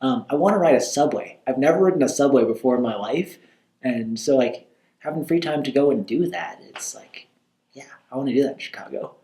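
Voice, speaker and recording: A young man, a student, chatting eagerly and excitably. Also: mid-range voice, brisk, reverberant. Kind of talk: casual chat.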